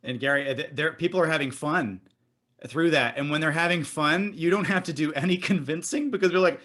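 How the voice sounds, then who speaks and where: A man guest-hosting a podcast panel, asking questions and adding ideas with an enthusiastic, warm manner. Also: a little high, brisk. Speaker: guest host. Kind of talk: moderating a panel discussion.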